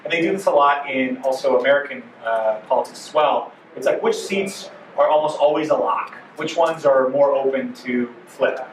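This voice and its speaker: A man's voice: medium pitch, moderate pace, few pauses, a little hiss or hum. A man giving a conference workshop talk, loose and chatty, full of fillers and asides. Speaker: workshop presenter. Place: conference room. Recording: roomy hall audio from a distance.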